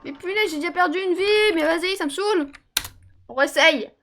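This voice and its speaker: A woman's voice: very high-pitched, fairly quick, a bit bright, soft background music. A French woman streaming a video game, grumbling and ranting in mock frustration at it. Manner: exasperated ranting and mock self-pity at the game. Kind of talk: live gaming stream commentary.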